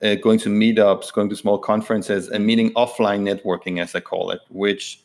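A man from Denmark, speaking English, asks questions in a fairly low voice. He halts often, searching for the right word and restarting his sentences as he hosts the conversation. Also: level tone. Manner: halting, searches for words, rephrases mid-sentence. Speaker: interviewer, host. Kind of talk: conversational interview.

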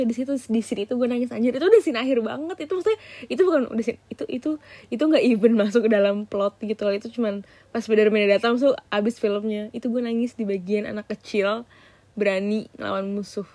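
A woman hosts her own podcast, gushing in quick slangy chat full of fillers. Her voice sits a little high. The recording is dry and close, with no room sound. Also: warm tone, dry recording. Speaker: podcast host. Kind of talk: casual solo podcast chat.

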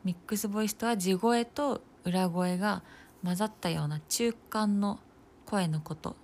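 A young woman in her twenties chatting casually on her own, thinking aloud as she goes, with plenty of fillers and the odd soft laugh. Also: medium pitch, moderate pace. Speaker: nursing student podcaster. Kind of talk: casual solo talk.

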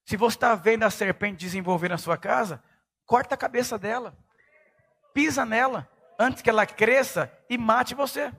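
A middle-aged man preaching a sermon as a pastor, emphatic and rising to shouts at his peaks. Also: very high-pitched, moderate pace, vocal fry, breathy edge.

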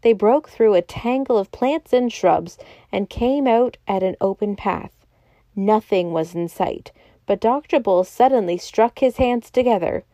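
A woman narrating a novel aloud in a steady, measured reading. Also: medium pitch, dry recording. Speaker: audiobook narrator. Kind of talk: scripted narration.

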